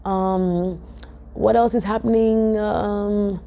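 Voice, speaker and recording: A young woman, chatting to camera in a vlog, animated and full of "um"s, from her office. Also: mid-range voice, takes it slowly, muffled recording. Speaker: vlogger. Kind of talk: casual talk to camera.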